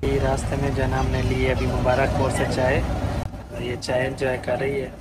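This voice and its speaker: A man's voice: medium pitch, completely flat delivery, moderate pace, heavy background noise. A man with a Pakistani Urdu accent, chatting casually as he vlogs a train trip from a station platform and carriage. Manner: chatty, teasing, narrates as he films. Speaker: vlogger. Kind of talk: casual travel vlog.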